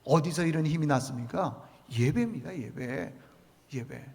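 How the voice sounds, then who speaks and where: A man's voice: on the high side, expressive, moderate pace, long reverb tail. A male pastor preaching a sermon emphatically, asking rhetorical questions and repeating key words. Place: church sanctuary.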